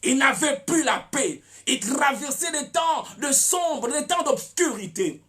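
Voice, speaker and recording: Pasteur prêcheur à la voix très animée. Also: male voice, extremely high pitch, expressive, unhurried. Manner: preaching with shouted peaks and many repeated words. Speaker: pastor. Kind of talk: sermon.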